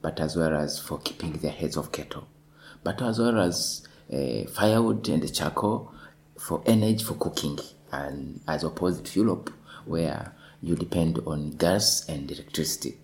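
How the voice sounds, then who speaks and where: A man from Tanzania, a lawyer, speaking in a measured way in a discussion and repeating words as he thinks. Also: rumbling low, vocal fry, a little mellow, low-quality recording. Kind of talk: panel discussion.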